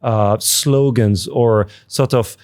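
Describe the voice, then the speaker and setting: A man raised in Dubai, hosting a podcast interview and thinking aloud about society in a relaxed, reflective way. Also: medium pitch, takes it slowly. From Dubai, UAE. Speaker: podcast host. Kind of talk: casual interview conversation.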